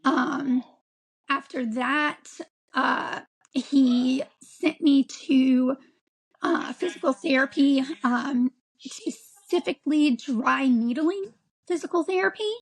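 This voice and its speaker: A woman of forty, an interview guest, telling her own story in a halting way with frequent ums and restarts. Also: high voice, creaky, low-quality recording. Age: 40s. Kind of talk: candid personal account.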